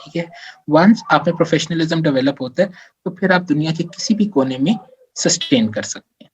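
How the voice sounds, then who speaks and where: A man's voice: on the high side, lively intonation, normal speed, a little mellow, a little hiss or hum. A man giving career advice in a live question-and-answer workshop. He explains step by step, mixes English phrases into his speech and often checks in with "theek hai". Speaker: career advisor.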